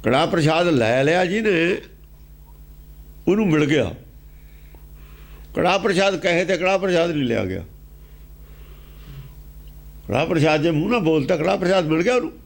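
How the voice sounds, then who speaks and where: A man preaching a sermon, repeating phrases for emphasis and asking rhetorical questions, slowing to chant quoted verses before explaining them. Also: a little high, expressive, vocal fry. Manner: chants quoted verses slowly, then explains in rapid spoken commentary. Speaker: preacher expounding scripture.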